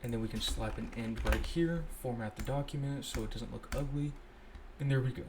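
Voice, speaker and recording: A young scripting-tutorial host with a medium-pitched voice talks briskly through some code in a relaxed screen recording. He thinks aloud and corrects himself along the way, against a noisy background.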